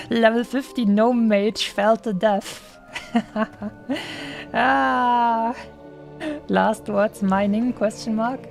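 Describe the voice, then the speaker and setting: A young German woman with a German accent chats and jokes while streaming a game, laughing often and filling gaps with fillers. Her voice is a little high and steady, very slow, with vocal fry. Faint music plays behind her.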